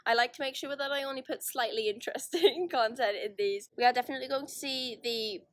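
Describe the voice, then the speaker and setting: Young woman, casual vlogger, handheld phone video, slightly high voice, dry sound, rambling and self-deprecating. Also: quick pace, a bit bright, dry recording. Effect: phone video recording. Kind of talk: casual chatty vlog. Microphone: phone held in hand.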